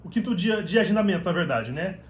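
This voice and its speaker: A Brazilian delivery rider who vlogs talks casually and animatedly to his phone camera, held at arm's length in a small room at home. His voice sits high and moves quickly, with a reverberant sound. He gestures a lot, uses slang, and keeps repeating "mano."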